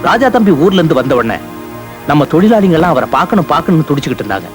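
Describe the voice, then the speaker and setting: An actor playing a scheming corrupt estate manager who talks smoothly in a Tamil film. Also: male voice, on the high side, very animated, rapid-fire, over music.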